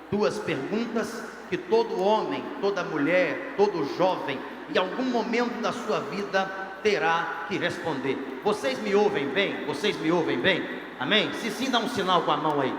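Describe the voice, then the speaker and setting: In a large congress hall, a high-voiced male pastor preaches to a youth congress with an emphatic, rising preacher's cadence. The recording is echoey, with faint crowd ambience and a noisy background.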